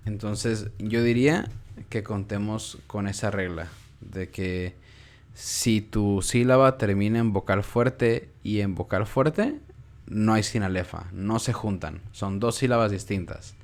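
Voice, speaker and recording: A young man with a Mexican Spanish accent, teaching a relaxed, casual class and repeating words aloud to show where the stress falls. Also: fairly low pitch, slow.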